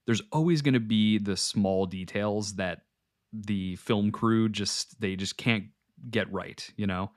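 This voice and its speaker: A man's voice: fairly low pitch, slow pace, no echo, clean studio sound. A man co-hosting a podcast, chatting casually and analytically about a film scene. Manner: relaxed, analytical, with filler restarts. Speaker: podcast co-host. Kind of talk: casual film breakdown chat.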